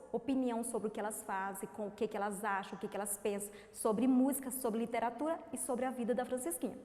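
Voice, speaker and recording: Lively Brazilian teacher, echoey room. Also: female voice, on the high side. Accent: Brazilian Portuguese. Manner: lively, questioning, coaxing children with rhetorical questions. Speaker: primary school teacher. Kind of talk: remote class lesson for children.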